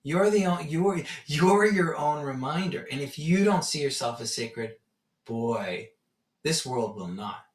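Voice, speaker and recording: A man's voice: on the high side, unhurried. A man giving a casual spiritual teaching talk, telling stories and acting out his own reactions. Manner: animated storytelling, acts out his own reactions. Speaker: meditation teacher. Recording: roomy echo, from far off the mic.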